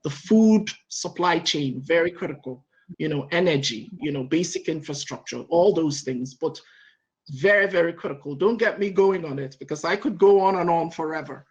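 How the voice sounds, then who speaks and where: The sound is lo-fi as a middle-aged woman from Nigeria speaks on a panel in a low voice at normal speed. She is energetic, lists her points, and keeps adding "right?"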